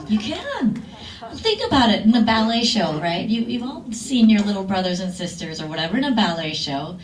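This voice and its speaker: A film director, a woman, telling a lively, laughing story to an audience at a screening Q&A. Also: medium pitch. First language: Lao. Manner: lively, laughing, acts out quotes. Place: cinema hall. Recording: echoey hall, far from mic, faint noise.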